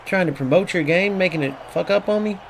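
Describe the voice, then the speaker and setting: Streaming a football match, a man delivers live commentary full of profane trash-talk aimed at his opponents. He speaks a little fast in a high voice, with clear background noise behind him.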